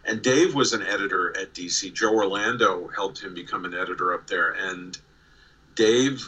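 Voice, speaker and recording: A deep, pushed and bright voice with a breathy edge belongs to a sixty-something New Yorker with a faint accent, guesting on an interview by video call. He tells stories casually at a moderate pace, restarting often and repeating words, on a rough recording.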